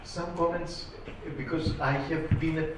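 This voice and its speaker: A man's voice: a little high, little pitch movement, a little slow, noisy background. A man from Greece in the audience of a panel, giving an earnest, wandering comment. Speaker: audience member asking a question. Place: conference room. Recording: very echoey room, distant mic.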